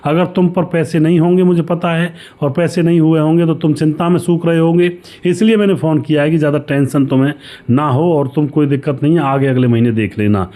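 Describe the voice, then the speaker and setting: A man voicing a smooth, persistent young moneylender who talks in a coaxing, reassuring way. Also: on the high side, fairly even intonation, brisk, dark tone, natural voice.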